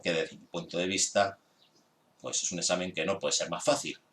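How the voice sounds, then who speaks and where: A man's voice: sits low, steady tone, moderate pace, a bit bright, slight background noise. A man who is a physics teacher, methodically working through an exam solution step by step for his students. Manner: exasperated with students' grades.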